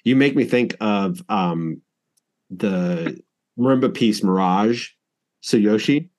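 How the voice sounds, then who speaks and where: A man's voice: on the low side, takes it slowly, a little mellow. A man hosting a percussion podcast, talking in a casual, rambling way with many restarts. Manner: rambling, with frequent restarts and laughs.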